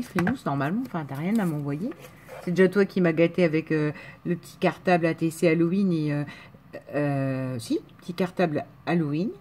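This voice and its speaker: Chatty gushing French woman, low voice. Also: a little mellow, a little hiss or hum. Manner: chatty, gushing, lots of fillers and exclamations. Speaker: vlogger opening mail. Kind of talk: casual unboxing chat.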